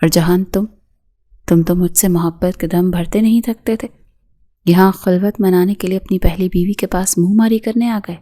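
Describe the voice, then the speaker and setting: A woman's voice: on the low side, fairly even intonation, lightly acted. A woman reading the part of a jealous, furious young wife who hurls insults. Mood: spiteful. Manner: spiteful, shouting insults.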